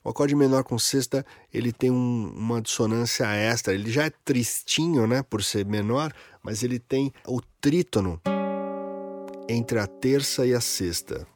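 Um homem com sotaque brasileiro que apresenta um episódio sobre música e analisa uma canção de um jeito descontraído, com palavrões e pequenos exemplos cantados. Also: male voice, mid-range voice, unhurried, music in the background. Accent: Brazilian Portuguese. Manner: casual, profane, demonstrative, sings short examples. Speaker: music educator. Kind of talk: casual music analysis episode.

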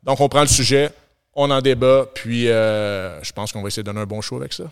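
A man from Quebec with a Québécois French accent, co-hosting a casual podcast and explaining things with steady enthusiasm. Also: mid-range voice, a little fast, clear, resonant tone. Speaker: podcast co-host, gym owner. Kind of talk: casual chat.

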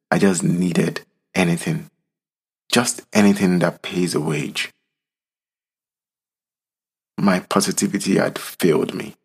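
A man, from Nigeria, telling his own story in slow, solemn, reflective narration. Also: low-pitched, creaky, slightly rough. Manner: slow, solemn, deliberate delivery.

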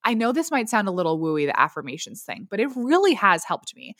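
A woman in her thirties talks candidly on her own podcast, running through her routines one item at a time. Her voice sits at a middle pitch. The sound is dry, with almost no room echo. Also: big pitch swings, brisk, fairly bright tone. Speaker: podcast host. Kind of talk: solo podcast, answering listener questions. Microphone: studio podcast mic.

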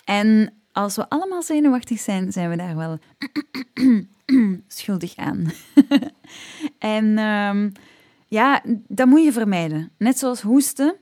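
A woman with a Flemish accent talks through voice-care tips in a relaxed, conversational way, pausing often on filler sounds. Her tone is warm and dark. She is recorded close and dry, with no room sound. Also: mid-range voice, no echo. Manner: chatty, frequent "ehm" fillers, laughs at herself. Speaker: singing teacher. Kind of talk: casual spoken vocal health tips.

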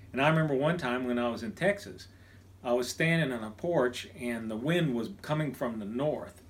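A middle-aged man from Kansas, a pastor, preaching a recorded sermon in a voice of ordinary pitch. He is animated, swinging from emphatic bursts to a near hush for quoted words.

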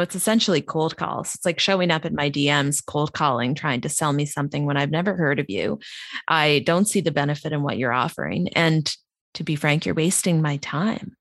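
A woman hosting her own podcast, speaking frankly and candidly, with pauses while she thinks aloud. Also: low-pitched, fairly bright tone, no echo. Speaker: podcast host. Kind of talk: conversational interview.

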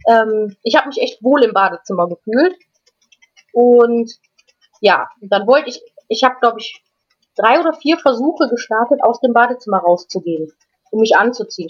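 A woman guest in an interview, telling a personal story in a casual, halting way with frequent restarts and repeated words. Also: on the high side. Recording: dull lo-fi recording.

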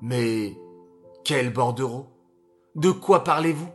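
A man's voice: mid-range voice, slow, a bit bright, faint music behind. A man doing an earnest, pleading young captain. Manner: earnest, pleading protests of innocence. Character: young army captain, wrongly accused, proud.

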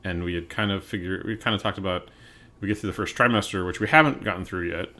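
Young male podcast host, very low voice, chatty and rambling. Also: fast. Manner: animated, rambling with many likes, gets loud when emphatic. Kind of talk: casual chat.

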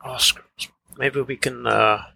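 A man's voice: medium pitch, steady tone, slow, vocal fry, sharp tone, no room sound, poor audio. A man chatting casually as a player in a tabletop game, laughing and tripping over names.

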